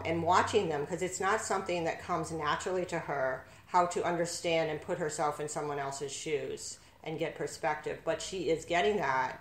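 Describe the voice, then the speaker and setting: A woman hosts a casual podcast chat. She explains patiently and at length. Her voice rings in an echoey room. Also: low voice. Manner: explanatory, speaks on her daughter's behalf. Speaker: podcast host and mother.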